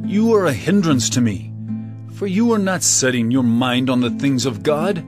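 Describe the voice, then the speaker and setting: Male actor as Jesus, solemn teacher, lively rising and falling delivery, guitar music behind. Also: medium pitch, moderate pace, close to an everyday voice. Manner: solemn, earnest declaiming. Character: Jesus, a grave and commanding teacher. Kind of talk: audio drama acting.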